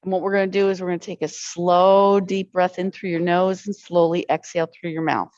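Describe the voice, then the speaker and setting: A woman with a slightly low voice guides an arthritis exercise class, counting each rep aloud and encouraging everyone along. The recording sounds dull and lo-fi, with a dry, close feel. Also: flat delivery, fairly quick, a little mellow, no room sound.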